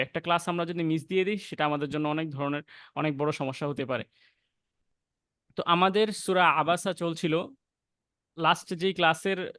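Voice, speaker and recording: A young man from Bangladesh with a Bangladeshi Bengali accent, teaching a recitation class, patiently explaining the rules and sounding out letters softly. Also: a little high, no echo, studio quality. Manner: explains patiently, then recites verses slowly and drawn out; demonstrates soft breathy letter sounds. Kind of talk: online class lesson with slow recitation.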